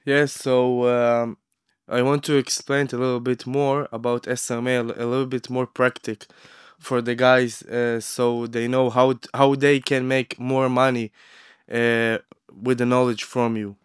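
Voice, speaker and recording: Flat, very clear-voiced male host. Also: medium pitch, dry recording, clean studio sound. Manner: plain, halting, simple phrasing. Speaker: interview host. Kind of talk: casual interview hosting.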